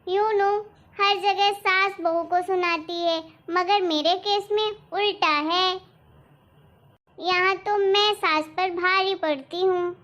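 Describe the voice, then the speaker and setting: A woman's voice: very high voice, steady tone, takes it slowly, fairly bright tone, full character voice. A woman voicing a proud, modern young daughter-in-law in a cartoon, who talks in a dismissive, smug way. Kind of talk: cartoon voice acting. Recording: dull lo-fi recording.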